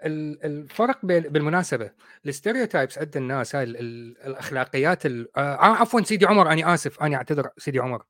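A man's voice: fairly high pitch, animated, racing, fairly bright tone, no echo, clean studio sound. A man moderating a casual online discussion, joking and apologetic.

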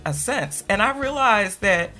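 Bright-voiced woman telling her story. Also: mid-range voice, unhurried, soft background music. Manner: animated storyteller who acts out quoted voices. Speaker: guest author. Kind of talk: radio interview, telling a personal story.

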